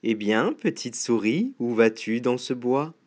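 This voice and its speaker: A storyteller voicing a sly, hungry snake in a read-aloud storybook, speaking low and soft. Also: very animated, unhurried. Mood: sly, coaxing.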